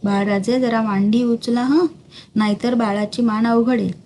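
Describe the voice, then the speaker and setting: A woman's voice: on the high side, steady tone, moderate pace, mellow, slight background noise, lightly acted. A woman voicing a teasing, motherly young royal lady in a spoken storybook.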